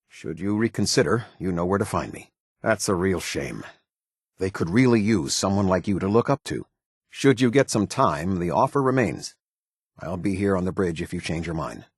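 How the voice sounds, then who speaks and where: An actor playing a stern, disciplined military captain in a video game, speaking in a formal, clipped, authoritative way. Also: male voice, sits low, slightly rough, no room sound, studio quality, full character voice. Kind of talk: scripted game character dialogue.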